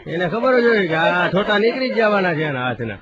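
A male stand-up comedian tells comic stories live in a regional dialect, acting out dialogue in quoted voices. His voice is high with big pitch swings, and he slows down to recite verse with drawn-out emphasis. The recording is dull and lo-fi with faint hiss and crowd noise.

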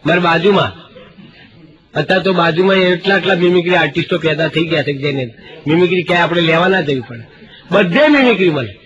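A middle-aged man spins comic stories in a high voice, slipping into other people's lines and reciting couplets. The sound is muffled and lo-fi, like a radio broadcast of a live show. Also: fast talker, crowd noise. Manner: jokey anecdotal delivery, acting out dialogue, reciting couplets. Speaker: stand-up comedian. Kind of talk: Gujarati stand-up comedy storytelling.

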